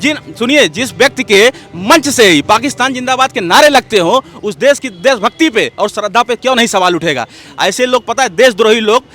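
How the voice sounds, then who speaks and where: Soft music plays in the background as a man with a very high, expressive, fairly bright voice speaks fairly quickly. He's an interview guest giving heated political opinions, combative and emphatic, driving his points and repeatedly urging "look," "listen."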